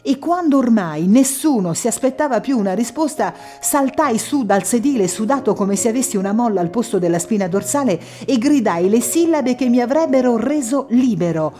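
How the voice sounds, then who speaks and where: A woman reads a first-person story aloud in a mellow, darker tone. Her narration is expressive and steady, with faint music underneath. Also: moderate pace, few pauses. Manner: expressive reading, voicing shouted quotes louder and higher. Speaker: audiobook narrator.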